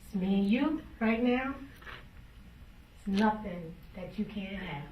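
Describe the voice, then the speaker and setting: A woman's voice: mid-range voice, lively intonation, slow, highs cut off, slight background noise. Woman holding back tears at a funeral. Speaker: youngest daughter of the deceased. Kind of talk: funeral tribute speech. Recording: roomy, from far off.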